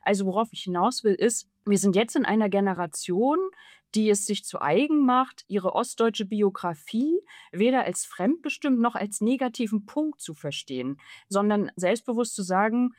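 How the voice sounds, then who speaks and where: A woman's voice: mid-range voice, animated, normal speed, darkish tone, no room sound, clean studio sound. A woman in her thirties from East Germany, an author answering interview questions in long, fluent, emphatic sentences. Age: 30s. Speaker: author and journalist guest.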